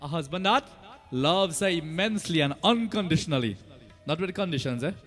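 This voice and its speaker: High-pitched Trinidadian man preaching. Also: fairly quick, soft background music. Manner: animated storytelling with rhetorical questions and "eh?" tags. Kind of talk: conversational sermon to devotees.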